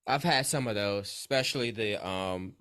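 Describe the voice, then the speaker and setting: Smooth-voiced laid-back man in his thirties. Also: fairly low pitch, normal speed, fairly bright tone. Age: 30s. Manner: laid-back, brief replies. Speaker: podcast guest. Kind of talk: casual chat.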